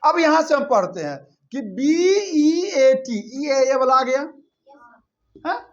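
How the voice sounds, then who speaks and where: A man's voice: very high-pitched, big pitch swings, slow, lo-fi sound. A male teacher giving a classroom lesson, drilling students by repeating his questions and answers back and forth.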